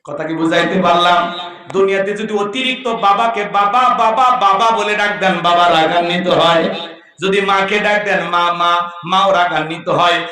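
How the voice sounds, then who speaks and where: A man preaching a waz sermon to a crowd, asking rhetorical questions and moving from low talk to shouted calls and chanted recitation. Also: moderate pace. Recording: echoey loudspeaker sound at a gathering.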